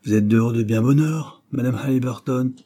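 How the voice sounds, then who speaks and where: A man's voice: medium pitch, dark tone, voice pushed up, natural voice. A man reading a cautious surgeon who weighs his words about a patient. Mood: guarded. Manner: measured, careful. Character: cautious middle-aged male surgeon.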